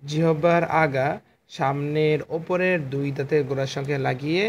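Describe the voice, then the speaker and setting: A male Quran teacher with a fairly high voice gives a patient lesson on letter sounds, drawing each one out and repeating it. He speaks into a phone, and a faint hiss sits under his voice. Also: fairly even intonation, moderate pace. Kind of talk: online lesson on letter articulation.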